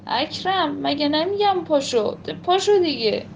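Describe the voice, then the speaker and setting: A woman voicing a demanding father with a nasal voice who shouts orders at his child. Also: fairly high pitch, creaky, highs cut off, background noise. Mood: yelling. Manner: demanding, yelling.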